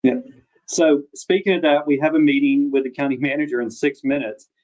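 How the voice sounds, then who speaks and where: A man's voice: fairly high pitch, fairly even intonation, fairly quick, a little mellow, poor audio. A man on parks department staff, talking casually and practically during an interview.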